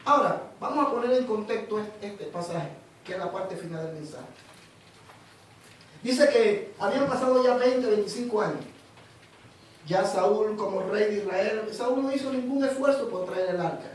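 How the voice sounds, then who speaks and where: A Panamanian man preaches in a very high voice, telling his story in an animated way and often repeating words. He sounds far from the microphone, in a booming, echoey hall with faint noise behind him. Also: normal speed. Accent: Panamanian Spanish. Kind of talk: sermon.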